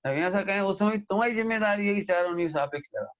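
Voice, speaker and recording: A man gives a lively scripture discourse, scolding and questioning his listeners. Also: high-pitched, fast, muffled recording. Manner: animated, scolding, mimics listeners and asks them questions. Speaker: Jain scholar giving a scripture discourse. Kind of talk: sermon.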